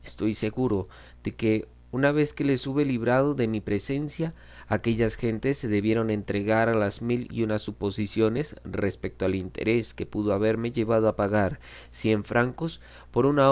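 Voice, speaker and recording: A man reading a classic novel aloud in a measured, dramatic storytelling manner. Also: lowish voice, a little mellow, smooth. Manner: measured, dramatic reading, voicing quoted lines. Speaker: audiobook reader. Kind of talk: scripted narration of a classic novel.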